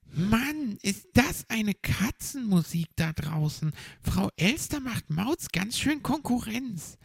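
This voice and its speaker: High cheerful hedgehog boy. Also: sing-song, takes it slowly, gravelly, husky, no echo, studio quality, exaggerated voice. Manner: high put-on boyish voice.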